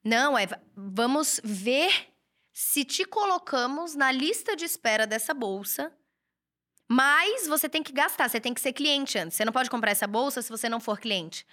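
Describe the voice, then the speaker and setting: A woman hosts a chatty solo talk on business advice. Her voice sits somewhat high and sounds strikingly bright and forceful. She talks casually from an indoor room set up for recording. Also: animated, moderate pace. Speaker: host and writer. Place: indoor room with a curtain backdrop, books and a computer.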